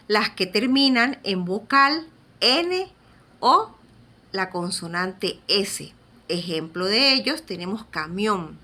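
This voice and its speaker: A woman teacher with a bright, clear voice at a middle pitch gives a recorded lecture. She explains patiently, step by step, and keeps checking that her students are following.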